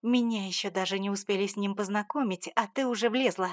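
A woman narrating a first-person audiobook in a steady, measured, dramatic reading. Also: mid-range voice, no room sound, studio quality.

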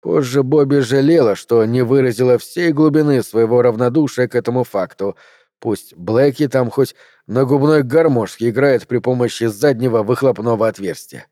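A man reads a novel aloud in a calm, measured audiobook narration. His voice is warm and dark at an ordinary pitch. The recording is dry and close, with no room sound around him. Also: no room sound.

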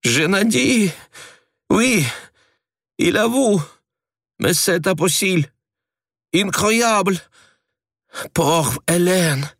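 Male reader doing a haughty, shrill Frenchwoman for an audiobook, rolled r's, high and sharp. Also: slow, hardly any pauses, no room sound, clean studio sound, exaggerated voice. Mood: distressed. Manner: shrill, rolls her r's, mixes in French. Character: fiery middle-aged Parisian woman, indignant, haughty.

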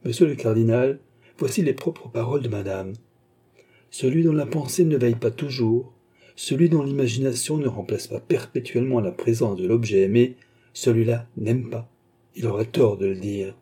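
A man's voice: mid-range voice, moderate pace, warm tone, slightly rough, natural voice. A man reading the part of a mysterious, haughty masked nobleman who speaks with guarded authority.

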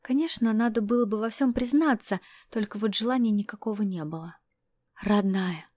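A woman's voice: fairly high pitch, fairly quick, dark tone, dry recording. Woman narrating a fantasy audiobook.

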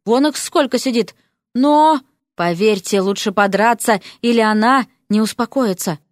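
A woman's voice: a little high, measured pace, no room sound, lightly acted. A woman voicing a dry, decisive male lecturer with a curt, wry manner.

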